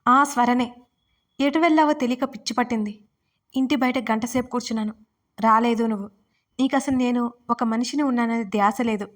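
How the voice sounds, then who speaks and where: A woman's voice: a little high, a little fast, close to an everyday voice. Woman playing a tearful, angry young wife. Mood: hurt. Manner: shouting, tearful. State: crying.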